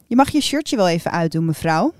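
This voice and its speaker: A woman's voice: lowish voice, very animated, brisk, darkish tone, no room sound, clean studio sound. Woman voicing a flirtatious male physio.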